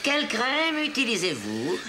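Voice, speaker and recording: A bossy, pompous spa client. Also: female voice, on the high side, huge pitch swings, a little slow. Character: haughty middle-aged female spa client, thrice married. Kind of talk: 1990s TV sitcom acting. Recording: TV sitcom audio with background noise.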